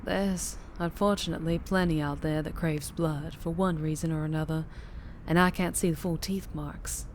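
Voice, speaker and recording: In an intimate ASMR roleplay, a woman with a Southern US accent plays a fierce, flirtatious vampire biker who teases and protects, sounding concerned and protective. Her voice is low and natural with fairly even intonation and normal speed, over slight background noise.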